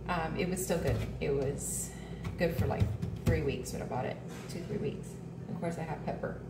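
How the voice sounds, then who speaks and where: Woman in her thirties, casual cooking vlog, lowish voice, roomy kitchen echo, mic set back from her. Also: moderate pace, over loud music. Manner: chatty, thinking aloud with ums. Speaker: home cooking vlogger. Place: home kitchen, indoors. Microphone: camera phone set on the counter, a few steps away. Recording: roomy, distant with loud background noise.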